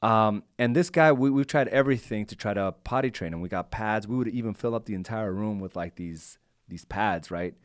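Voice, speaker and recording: A man with a low voice co-hosts a casual podcast, recorded dry and close in the studio. He thinks out loud, questions his own reactions and builds his point with everyday examples. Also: a little fast, no echo. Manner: reflective, self-questioning. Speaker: podcast co-host. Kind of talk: casual chat.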